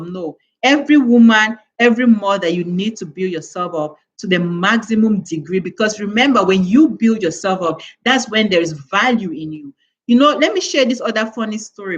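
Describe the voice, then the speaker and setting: A woman from West Africa giving an earnest motivational talk to mothers on a live stream, full of rhetorical questions. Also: a little high. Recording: dull, lo-fi sound.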